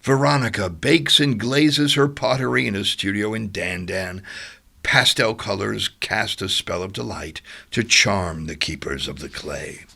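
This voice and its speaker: A man's voice: fairly low pitch, measured pace, creaky, bright, forceful tone, breathy edge. A man narrating local news features and ads in a scripted, playful and dramatic way. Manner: playful, dramatic, drops to whispers. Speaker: news presenter and ad voice. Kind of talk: scripted narration with theatrical flourishes.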